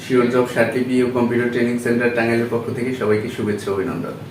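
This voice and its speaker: A man's voice: mid-range voice, flat delivery, racing, slight background noise. A man teaching a shorthand class, patiently walking through each step and asking his listeners questions as he writes. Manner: patient, repeats steps with quiz-like questions. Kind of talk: classroom lesson. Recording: echoey room, voice far from mic.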